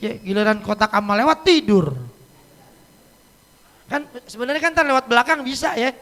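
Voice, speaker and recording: A man's voice: very high voice, normal speed, a bit bright. A man giving a casual, joking sermon as an Islamic teacher in a mosque, often laughing as he talks. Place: mosque hall. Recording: echoey mosque hall.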